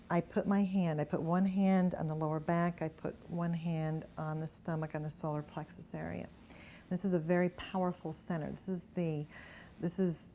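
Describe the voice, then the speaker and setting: A woman speaking to a gathered audience in an indoor room, sharing healing stories in an animated, chuckling way. Her voice sits somewhat low and sounds mellow and warm. The tone is that of a workshop talk mixing anecdotes with demonstration. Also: slight background noise. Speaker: energy healer giving a workshop talk.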